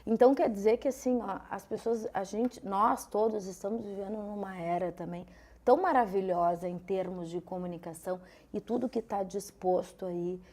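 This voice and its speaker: A woman's voice: mid-range voice, normal speed, darkish tone. A woman, a journalist guest on a podcast, explaining her views in an earnest, reflective way. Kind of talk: casual podcast chat.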